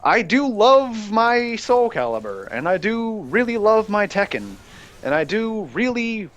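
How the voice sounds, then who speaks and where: A young man hosting a rambling, excitable gaming rant that breaks into shouting while he plays. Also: high voice, a little slow. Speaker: gaming channel host ranting.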